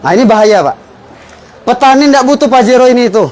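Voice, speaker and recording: A man giving an informal motivational business pitch, persuasively explaining and punctuating his points with rhetorical questions. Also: fast, a little mellow. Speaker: business presenter explaining a fertilizer sales strategy.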